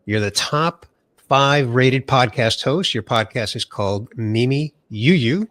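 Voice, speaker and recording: A middle-aged American man hosts an interview podcast, sounding nasal from a cold. His mid-range, fairly bright voice is unhurried in a dry recording as he enthusiastically introduces his guest.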